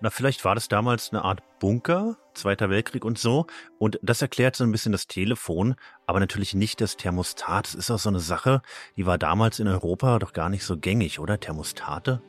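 A man hosting a podcast, chatting casually and relaxed about playing a video game. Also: on the low side, a little fast, soft background music. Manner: relaxed, laughs at himself. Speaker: podcast host.

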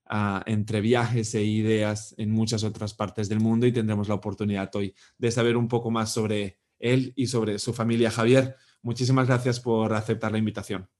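A man's voice: fairly low pitch, level tone, moderate pace, few pauses, a little mellow. A man hosting an interview, speaking with frequent fillers and repeated words. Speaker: host.

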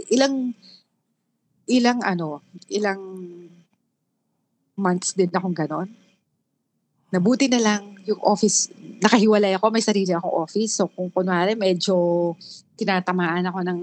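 A middle-aged woman with a Filipino accent, mixing Tagalog and English in a candid interview, halting and full of restarts. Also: on the low side, darkish tone. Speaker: guest. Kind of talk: emotional personal interview.

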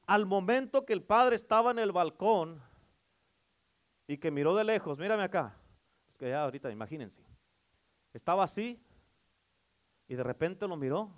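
A male pastor preaching a fervent sermon, asking rhetorical questions and calling for amens. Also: a little high. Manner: fervent, with repeated calls for amen and rhetorical questions.

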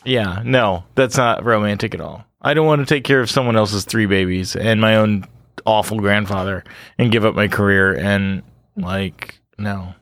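A man's voice: fairly low pitch, moderate pace, a bit bright, no echo, clean studio sound. A man co-hosting a podcast, chatting casually with wry jokes and rambling asides full of "like". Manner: wry, joking, rambling with lots of "like". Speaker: podcast co-host. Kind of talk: casual chat.

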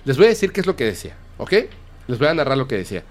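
A man's voice: mid-range voice, big pitch swings, rapid-fire. A man, hosting a casual podcast and animatedly retelling a story, acting out the quotes. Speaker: podcast host.

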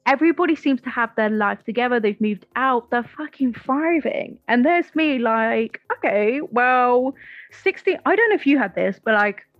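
A woman's voice: fairly high pitch, lively intonation, normal speed, no room sound, highs cut off. A woman in her twenties co-hosting a podcast in casual chat, swearing freely and filling her talk with "like". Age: 20s. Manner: chatty, swears freely, lots of "like" fillers. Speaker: podcast co-host.

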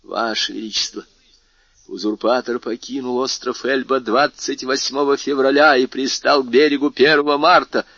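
Man doing a frightened police minister, pleading, distraught, husky voice, dry sound. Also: medium pitch, fairly even intonation, normal speed, fairly bright tone, dry recording, lo-fi sound. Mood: reporting.

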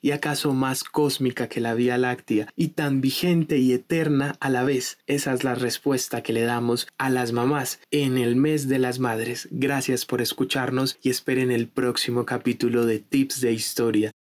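A man hosting an educational history podcast, reading a scripted segment in a measured, explanatory tone. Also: medium pitch, fairly even intonation. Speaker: podcast host.

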